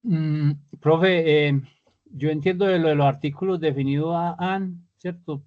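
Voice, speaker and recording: A man's voice: fairly high pitch, steady tone, a little slow, a little mellow, no echo, muffled recording. A man taking part as a student in an online class, asking questions to check that he understands. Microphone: video call.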